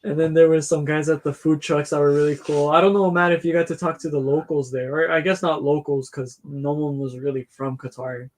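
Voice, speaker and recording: A man's voice: a little high, little pitch movement, a little fast, hardly any pauses, darkish tone. Rambling, filler-heavy male football fan. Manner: rambling storyteller, many fillers and restarts. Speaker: co-host of a football watchalong. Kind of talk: casual chat.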